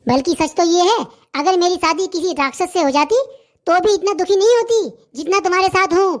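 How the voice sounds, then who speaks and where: A performer voicing a sharp-tongued, nagging cartoon wife who scolds her husband with sarcastic comebacks and a taunting catchphrase, in comic cartoon dialogue. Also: extremely high pitch, a little fast. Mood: scornful.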